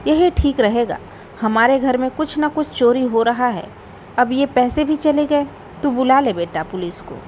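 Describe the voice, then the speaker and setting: A woman's voice: high voice, a little slow, a little mellow, a little hiss or hum. A woman voicing a stern middle-aged mother-in-law who scolds and suspects her daughters-in-law. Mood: worried. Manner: scolding, suspicious.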